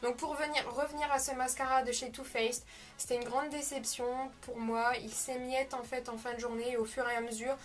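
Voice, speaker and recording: A high-pitched woman reviewing products she has used up in a casual vlog. She talks to her viewers in a chatty, frank way, often pausing with fillers and correcting herself mid-sentence. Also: little pitch movement. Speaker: beauty vlogger.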